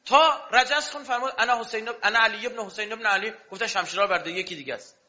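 A man's voice: high voice, bright, forceful tone. A man preaching a sermon with passion, throwing rhetorical questions at his audience. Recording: dull lo-fi recording.

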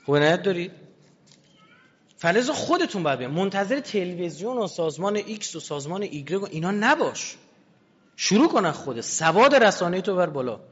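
A fairly high-voiced man lectures an audience with emphasis, firing off rhetorical questions. His voice rings with a long hall reverb, and the recording sounds dull and lo-fi. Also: sing-song, fairly bright tone, husky.

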